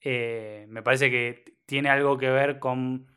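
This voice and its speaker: A man discussing a film in a thoughtful, halting way. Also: mid-range voice, steady tone, bright, forceful tone, clear, resonant tone. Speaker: podcast film critic.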